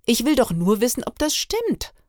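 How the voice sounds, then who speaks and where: A woman's voice: on the high side, sing-song, normal speed, darkish tone, no echo, studio quality, pitched above the performer's own voice. A woman voicing a snide, gossiping thirteen-year-old girl in an audiobook reading, with a mocking, sly manner.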